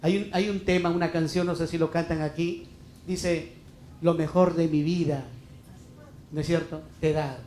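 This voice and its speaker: A man's voice: on the high side, steady tone, moderate pace, darkish tone, echoey room, slight background noise. A middle-aged Peruvian man preaching a heartfelt, emphatic sermon as a pastor, full of rhetorical questions. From Peru. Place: church hall.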